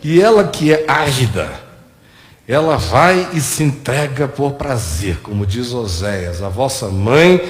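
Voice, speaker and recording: A man preaching a sermon, telling stories in an animated way and jumping high in pitch at emotional moments. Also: measured pace. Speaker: pastor. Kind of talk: sermon with storytelling. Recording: long hall reverb.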